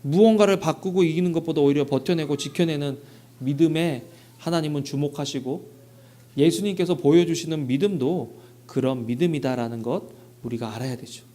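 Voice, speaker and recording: A man's voice: on the high side, brisk, mellow. A man preaching a Sunday sermon as pastor, asking the congregation questions and acting out short bits of dialogue. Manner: rhetorical questions, acts out dialogue. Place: church sanctuary.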